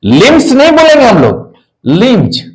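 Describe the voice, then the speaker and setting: A man teaching an English pronunciation lesson, repeating every word slowly and spelling it out letter by letter. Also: high-pitched, sing-song, roomy sound, low-quality recording.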